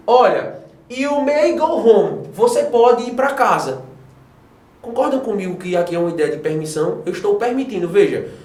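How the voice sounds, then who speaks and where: A Brazilian man teaching an English grammar lesson, animated and often checking in with his students. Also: sits high, roomy sound. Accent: Brazilian Portuguese. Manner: animated, addresses students directly with frequent checks. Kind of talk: classroom lesson explaining grammar.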